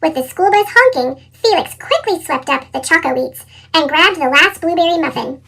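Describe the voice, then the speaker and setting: A woman narrates a picture book for children in an animated read-aloud style. A chipmunk effect pushes the voice extremely high, and the intonation is very lively. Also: moderate pace, creaky. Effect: sped-up chipmunk pitch shift. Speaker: storybook reader.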